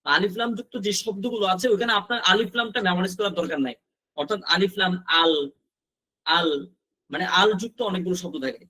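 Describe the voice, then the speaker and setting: A man's voice: high voice, fast, bright, forceful tone. A man teaching a vocabulary lesson, repeating words for drilling and putting questions straight to his students. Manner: addresses students directly with questions.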